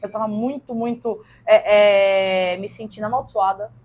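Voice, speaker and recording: A woman in her thirties with a Brazilian Portuguese accent, a gym coach appearing as a podcast guest, tells a personal story earnestly and emotionally, repeating words for emphasis. Her mid-range voice is a little mellow, fairly even in intonation, and moves at normal speed.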